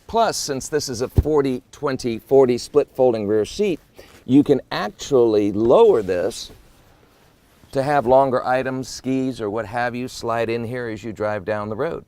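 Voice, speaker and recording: A man walking around a car and talking it up. His voice sits at an ordinary middle pitch, and he has a bright, joking, salesman-like way of pitching the features. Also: measured pace. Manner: jokey, upbeat salesman-like delivery. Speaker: car reviewer. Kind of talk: car review walkaround.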